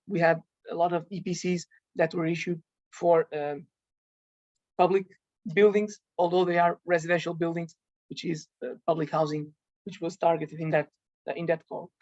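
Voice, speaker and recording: Halting man presenting at a conference. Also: fairly high pitch, darkish tone, no room sound. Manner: halting, frequent ums and restarts. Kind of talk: technical presentation. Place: conference event. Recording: dull lo-fi sound.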